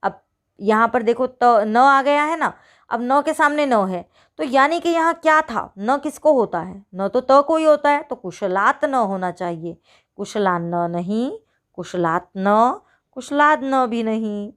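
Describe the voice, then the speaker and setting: Higher-voiced woman teacher quizzing pupils. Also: animated. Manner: talks to pupils as children, asks and answers her own questions; stretches out each example slowly. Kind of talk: online worksheet walkthrough.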